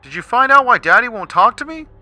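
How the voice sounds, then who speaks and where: A man voicing Pearl, an emotional, pleading teenage girl whale, in a shrill falsetto. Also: sing-song, fast talker, bright, forceful tone, no echo, faint music behind, heavily acted. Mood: upset. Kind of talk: fan creepypasta reading.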